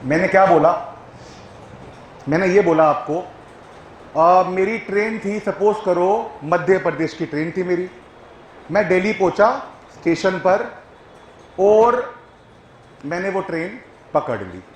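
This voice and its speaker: A man's voice: high-pitched, lively intonation, slow pace, pauses often, roomy sound, a little hiss or hum, poor audio. A male teacher giving a classroom grammar lecture, who keeps checking whether his students follow and coaxes them along.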